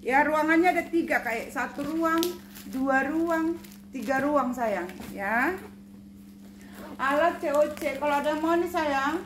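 A woman's voice: sits high, unhurried. A woman running a chatty live-stream sale of second-hand bags, repeating prices and coaxing viewers with endearments. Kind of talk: live-stream sales pitch. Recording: roomy echo, faint background noise.

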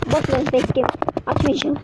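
High-voiced woman who can't say r, noisy recording. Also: level tone, moderate pace. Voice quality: speech impediment, cannot pronounce r, substitutes l or y. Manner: chatty, exclaiming and muttering to self while playing. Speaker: gaming channel host. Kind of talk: casual gameplay commentary. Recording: dull lo-fi mic with loud noise.

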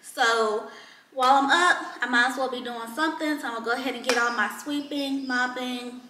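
A woman's voice: high-pitched, a little fast, noisy background. A young woman vlogging at home, chatting casually to her viewers about cleaning. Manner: chatty, relaxed, addresses viewers as y'all. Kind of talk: casual clean-with-me vlog chat. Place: home kitchen and living room, indoors. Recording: echoey room.

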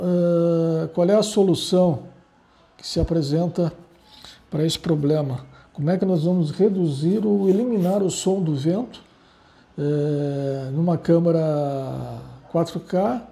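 Seated at a table indoors, a channel host films objects and a laptop screen for a casual how-to tutorial. His voice is fairly high, creaky and dark-toned, and he rambles with constant filler tags. Slight background noise is present.

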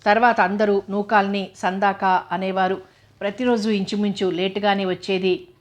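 A woman narrating a novel in a steady, even storytelling manner. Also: mid-range voice.

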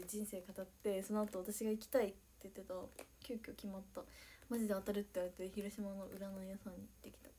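A young woman chatting on a livestream, excitable and giggly, thanking viewers by name as she reads their comments. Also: medium pitch. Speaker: idol livestreamer. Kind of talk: casual livestream chat reading viewer comments.

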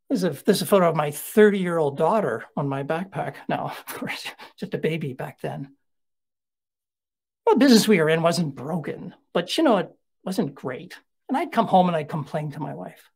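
With a fairly high pitch and a moderate pace, this middle-aged man gives a keynote in a husky, somewhat breathy tone. His storytelling is animated and chatty, sprinkled with side remarks.

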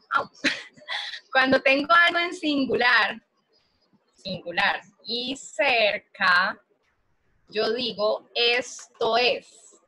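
A woman's voice: a little high, sharp tone, slightly rough, rough recording. A woman English teacher with a Colombian Spanish accent, teaching an online class patiently, repeating and checking understanding.

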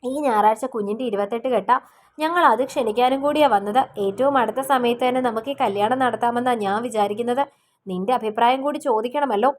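Brief: earnest middle-aged father in an audiobook romance, a woman reading him, a little lower than her narration. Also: quick pace, natural voice.

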